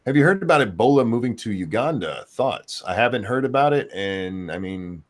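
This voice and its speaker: A man's voice: lowish voice, lively intonation, a little fast. A man hosting a live stream in casual chat, reading out viewer comments with blunt, sardonic swearing.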